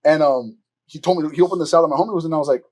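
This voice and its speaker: A man hosting a podcast, telling a story in animated casual chat full of swearing and acted-out quotes. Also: a little high, racing. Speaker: podcast host.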